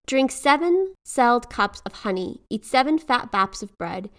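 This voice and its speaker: A woman's voice: a little high, big pitch swings, unhurried, a bit bright, voice pushed up. Woman voicing a stately magical swan. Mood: commanding.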